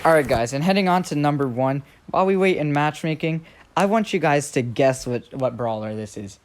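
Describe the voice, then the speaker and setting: A man's voice: on the high side, animated, a little fast. A man giving casual, chatty, self-deprecating listicle countdown commentary over video gameplay as the host.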